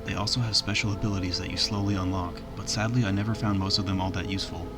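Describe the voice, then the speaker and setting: A man with a low voice narrates a game review. His delivery is informal and plainspoken, with music clearly playing underneath. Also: fairly even intonation, fast.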